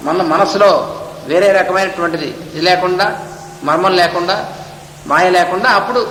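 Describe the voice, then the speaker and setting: A man giving a spiritual discourse, reading a text and then explaining it, sometimes chanting verses slowly. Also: high-pitched, sharp tone, roomy sound, long reverb tail, slight background noise, rough recording. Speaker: spiritual teacher. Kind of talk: Gita discourse.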